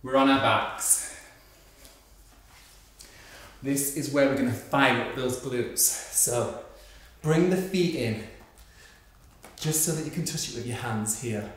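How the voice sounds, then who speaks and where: A man's voice: mid-range voice, slow pace, long pauses, fairly bright tone. A man in his thirties coaching an upbeat workout, encouraging and counting down reps while exerting himself. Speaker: fitness instructor. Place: bright indoor home studio room, exercising on a mat. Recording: very echoey hard-walled room.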